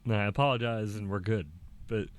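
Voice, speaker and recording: A young man talking casually to the camera, halting and restarting, with small laughs between thoughts. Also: medium pitch, lively intonation. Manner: acts out quoted dialogue in a raised voice. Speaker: vlogger.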